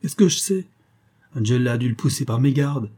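A man's voice: mid-range voice, animated, brisk, mellow, husky. A man voicing an agitated male painter who talks in an urgent, raised, anxious way.

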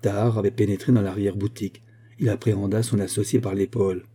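A male narrator reading a literary story aloud at a measured, even pace. His voice sits fairly low and sounds very dark and mellow, with a husky edge. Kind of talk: audiobook narration.

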